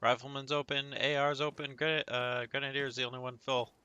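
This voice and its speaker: A man's voice: medium pitch, flat delivery, fairly quick, pushed and bright, clear, resonant tone. A man talking as a squad player in a military game, over lo-fi voice chat. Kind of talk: game voice chat with radio procedure. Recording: dull lo-fi game voice chat, faint noise.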